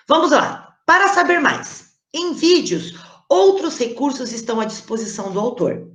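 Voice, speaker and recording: A woman's voice: mid-range voice, a bit bright. A woman teacher giving a recorded class, explaining patiently and often checking in with her students. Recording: roomy echo.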